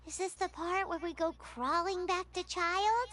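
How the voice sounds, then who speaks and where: A woman voicing a tiny, excitable female companion who talks in chirpy, blunt quips. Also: extremely high pitch. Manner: chirpy, exclamatory, quick quips. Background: faint game music.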